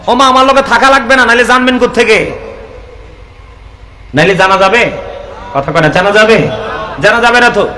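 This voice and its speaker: A man delivers a rhythmic, impassioned sermon in a high voice. He keeps calling out to the crowd to answer him. The sound rings with the echo of a large room. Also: moderate pace, long pauses, sharp tone. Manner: calls out to the audience for responses; rhythmic, impassioned preaching with regional dialect asides. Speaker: preacher. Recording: echoey hall sound.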